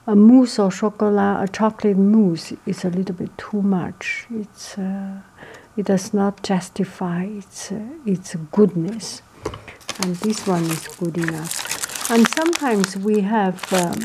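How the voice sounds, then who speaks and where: Slow, hesitant woman, softly chatting. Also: medium pitch, rough recording. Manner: hesitant, halting. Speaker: video host. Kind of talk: soft ASMR product chat. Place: indoors at a table, close to wrappers. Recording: clear background noise, crinkling foil and clicks.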